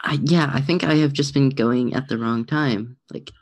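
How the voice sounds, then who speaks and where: Gravelly podcast cohost, rambly and kinda unsure of themself. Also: medium pitch, normal speed. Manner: rambling, self-deprecating, hesitant restarts. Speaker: podcast co-host. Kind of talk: casual chat reviewing songs.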